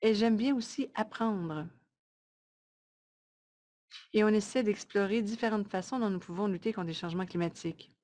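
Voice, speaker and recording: A mellow, medium-pitched female voice sounds like a live interpreter passing along a webinar presentation. Her speech arrives in short phrases, measured and a bit halting.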